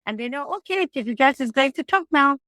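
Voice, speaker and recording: A Malaysian childcare center director whose first language is Tamil speaks fairly quickly in a fairly high voice during a conversational interview. She's animated and earnest and often circles back to restart a thought. The sound is close and dry with no echo.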